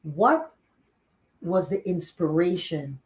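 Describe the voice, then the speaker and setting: An older woman from Panama leads a casual family interview with her mother. She is warm and encouraging, and she often fills in and restates the answers. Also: fairly low pitch, animated, takes it slowly, low-quality recording. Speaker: interviewer, daughter.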